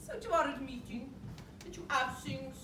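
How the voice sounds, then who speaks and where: A woman's voice: high voice, normal speed, slight background noise. A woman playing a pompous, hot-tempered male Spanish don who interrogates prisoners, with a put-on Spanish accent and a theatrical, blustering delivery in a live stage comedy. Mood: scheming. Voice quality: theatrical, blustering, with sudden shouted outbursts. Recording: echoey stage, picked up from far off.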